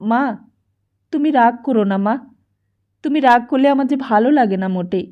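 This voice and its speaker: A woman voicing an earnest young son who pleads softly with his mother, in a dull lo-fi audiobook recording. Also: on the high side, normal speed, lightly acted. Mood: pleading. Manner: pleading, soft earnest appeals. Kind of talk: audiobook character voice.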